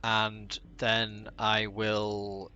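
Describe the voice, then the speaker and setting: Bright, excitable tabletop player. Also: male voice, on the low side, very slow, highs cut off. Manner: excitable, swears and laughs often. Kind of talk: casual game chat.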